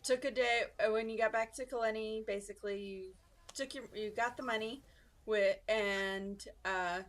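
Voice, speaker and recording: A woman in her twenties recapping a tabletop game session as dungeon master, relaxed and halting with many pauses and restarts. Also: fairly high pitch. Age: 20s.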